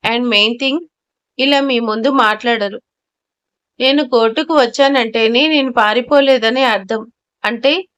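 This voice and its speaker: A woman's voice: fairly high pitch, a bit bright, natural voice. A woman voicing a confident female civil servant who defends herself in court, talking firmly and lecturing, with English phrases mixed in.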